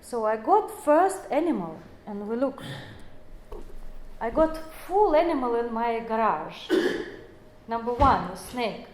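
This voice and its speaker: A woman's voice: fairly high pitch, expressive, slow pace, a little mellow. Woman lecturing with phrasing. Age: 40s. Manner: non-native phrasing, many fillers and self-corrections. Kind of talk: explanatory lecture. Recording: echoey room.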